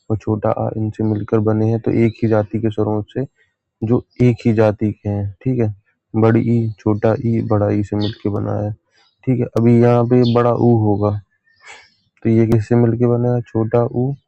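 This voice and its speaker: Man teaching in flat, dull sound. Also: lowish voice, vocal fry, no echo. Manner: repeats key points as questions, often says "ठीक है". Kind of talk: exam-prep grammar lesson.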